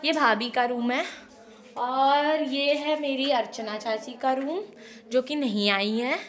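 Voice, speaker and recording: A young woman with a voice that sits high speaks slowly as she vlogs a casual tour of a family house, moving through the indoors and courtyard. She chats playfully with viewers while family members talk in the background around her.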